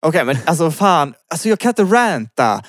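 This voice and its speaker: A man's voice: fairly high pitch, sing-song, no echo, clean studio sound. A man co-hosting a casual rant podcast, hesitant, laughing often and swearing casually. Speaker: podcast co-host.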